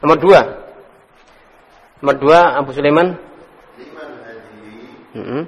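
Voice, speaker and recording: A man leads a classroom lesson, his voice sitting a little high. He quizzes students, sounds out words slowly and corrects them with light teasing. The recording rings with the long echo of a hall. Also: husky, muffled recording. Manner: drills pronunciation slowly, corrects and teases students. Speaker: Arabic teacher.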